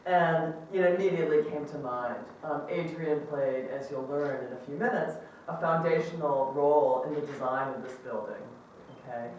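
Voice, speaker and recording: Speaking at normal speed in a low, slightly mellow voice, a department chair offers an upbeat welcome at a ceremony, often saying um. It's captured far away through an amplified mic in a very echoey lecture hall, with a little hiss or hum.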